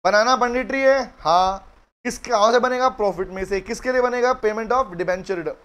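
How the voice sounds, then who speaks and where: A middle-aged man with an Indian English accent teaching a live law class, dictating notes slowly in mixed Hindi and English and calling on students by name. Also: high-pitched, fairly bright tone, clear, resonant tone. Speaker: law lecturer.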